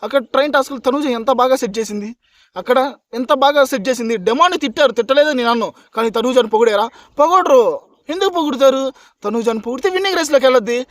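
Guy ranting about a reality show, super fast, dry close sound, keeps pushing his point. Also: very high voice, no room sound. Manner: combative, keeps asking listeners "okay?"; argumentative, repeats points for emphasis. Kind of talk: heated opinion rant to camera.

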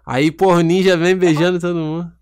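Joking young Brazilian man, smooth voice. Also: brisk. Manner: rambling, joking, deadpan pitch. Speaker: YouTuber. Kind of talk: prank phone call.

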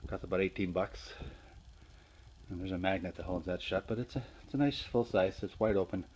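Man, very low voice, casual workshop vlog, plain and unhurried, phone camera in a garage, faint hiss. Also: a little mellow, low-quality recording. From Northeastern Pennsylvania. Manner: plain, unhurried, with fillers and restarts. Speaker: hobby woodworker. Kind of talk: casual show-and-tell vlog. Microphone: handheld phone camera.

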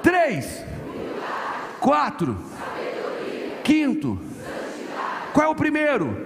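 Man, pastor, very high voice, emphatic repetition, live sermon, reverberant church hall. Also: huge pitch swings, extremely slow, creaky, crowd noise, noisy background. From Brazil. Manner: emphatic, repeats phrases, calls for congregation response. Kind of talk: impassioned conference sermon.

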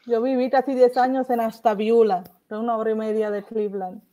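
A woman's voice: on the high side, little pitch movement, a little fast, warm tone. A woman in her forties hosting a casual video-call interview, affirming her guest often. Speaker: host. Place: home room, indoors. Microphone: laptop on a video call.

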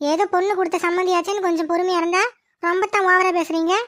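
Someone doing a shrill cartoon villain mom, middle-aged, snapping insults, way high voice. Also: level tone, fairly bright tone. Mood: scornful. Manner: scolding, insulting, quick-tempered. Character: scheming middle-aged villainous mother, sharp-tongued. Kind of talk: cartoon voice acting.

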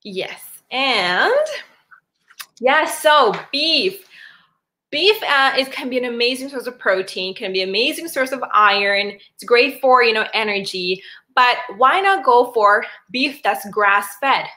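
Woman from Sri Lanka, health presenter, bright, slightly high voice, chatty with fillers, video-call audio. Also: animated, slow. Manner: chatty, many fillers and restarts. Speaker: wellness doctor presenting a webinar.

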